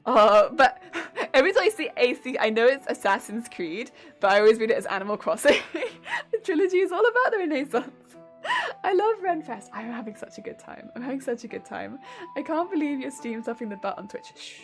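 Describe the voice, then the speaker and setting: A young woman from Hampshire, England, with a southern English accent, chats casually and giggles while sewing on a craft stream. Her fairly high voice is very animated and a little fast, rambling along with frequent laughs over soft background music.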